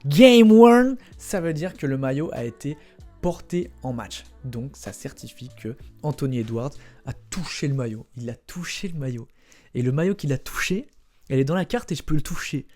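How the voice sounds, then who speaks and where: A man's voice: mid-range voice, expressive, moderate pace, darkish tone, faint music behind. A young man hosting a casual explainer vlog, chatting directly to viewers in a playful way and tossing in spoken sound effects. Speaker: trading card collector and channel host.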